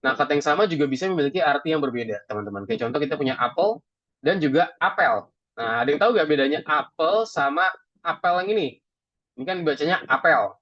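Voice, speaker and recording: A man's voice: fairly high pitch, animated, fast, no room sound, lo-fi sound. A man teaching a class in a chatty way, asking the students questions and addressing them as friends. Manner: chatty, asks the class questions, says "teman-teman" often. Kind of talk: classroom lesson.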